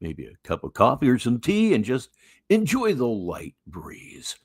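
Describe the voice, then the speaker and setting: A man's voice: medium pitch, huge pitch swings, measured pace, breathy edge, no echo, studio quality. An older American man with a Midwestern accent, hosting a casual livestream with folksy, musing, wry commentary. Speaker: livestream host.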